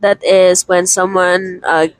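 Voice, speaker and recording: Slow, careful woman explaining phrases. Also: lowish voice, flat delivery, no echo, poor audio. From Hong Kong. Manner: measured and instructive. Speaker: co-presenter giving pronunciations.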